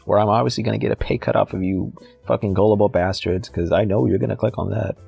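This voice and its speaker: A man's voice: on the low side, fairly even intonation, fast, vocal fry, breathy edge, dull audio, soft background music, exaggerated voice. A man putting on a smug, whiny male YouTuber shilling a service, in a mocking sing-song.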